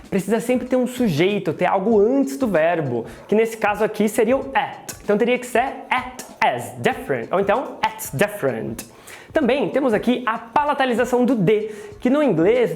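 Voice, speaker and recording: A woman's voice: mid-range voice, darkish tone. A Brazilian woman with a Brazilian accent who teaches English pronunciation in a chatty video lesson and drills words by repeating them. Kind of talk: lively video lesson commentary.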